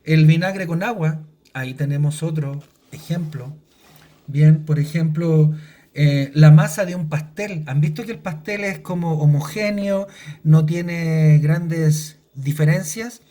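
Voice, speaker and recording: A man's voice: a little high, takes it slowly, warm tone. A middle-aged man teaching a chemistry lesson, explaining step by step and checking in with "right?" as he goes. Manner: explains step by step, tags sentences with "¿cierto?". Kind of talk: recorded classroom lesson.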